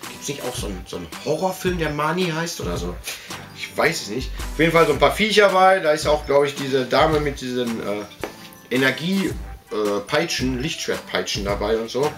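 Faint music plays behind a video host chatting about his collectibles in a room crammed with them. His voice is a little high and a bit bright, animated at normal speed, and his talk rambles and keeps breaking off.

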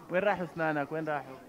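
A man in his thirties with a Syrian Arabic accent, a TV reporter interviewing children and parents in a shop, playful with the kids and warm with adults. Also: on the high side, low-quality recording. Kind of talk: street interview. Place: busy indoor children's clothing shop. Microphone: handheld reporter mic. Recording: crowd chatter behind.

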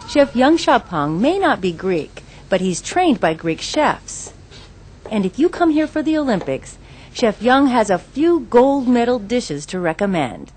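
Lively-voiced woman reporter narrating. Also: fairly high pitch, unhurried, low-quality recording. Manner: upbeat, chatty on camera. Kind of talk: scripted news feature narration.

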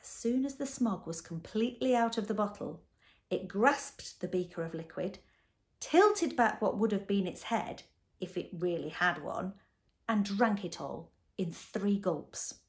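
A woman reading a children's chapter book aloud with expressive, unhurried narration. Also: mid-range voice. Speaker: audiobook reader. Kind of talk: storybook reading.

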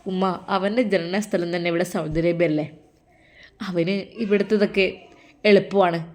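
Woman doing a calm, reassuring grown son. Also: lowish voice, normal speed, pitched below the performer's own voice, close to an everyday voice. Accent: Malappuram Malayalam. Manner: gentle, reassuring.

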